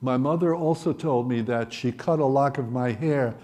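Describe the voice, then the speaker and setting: Mellow-voiced old Dutch-born man telling his story. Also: mid-range voice, normal speed. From Netherlands. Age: 80s. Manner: wry, gently humorous storytelling. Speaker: Holocaust survivor speaker. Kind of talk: personal storytelling talk.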